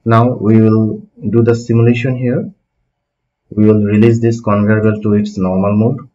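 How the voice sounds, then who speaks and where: Male tutor in his thirties, low and steady, explains hands-on lessons on a muffled home mic. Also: moderate pace. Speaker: automation instructor. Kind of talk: screen-recorded technical tutorial. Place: small room at a desk. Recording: dull lo-fi home recording.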